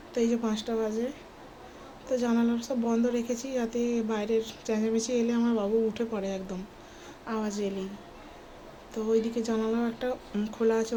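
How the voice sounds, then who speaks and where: A woman in her thirties narrating a casual home vlog as a mother, chatty and full of fillers, often speaking softly indoors. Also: a little high, rough recording. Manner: chatty, filler-heavy, talks softly at times so the baby keeps sleeping. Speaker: vlogger and mother. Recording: home recording with clear background noise.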